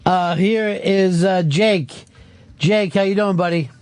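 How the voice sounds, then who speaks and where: A man runs a radio call-in show from the studio, his voice sitting a little high. He banters with callers in a quick, crude, joking way. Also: darkish tone, clean tone. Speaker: radio show host taking calls. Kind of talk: casual radio call-in chat.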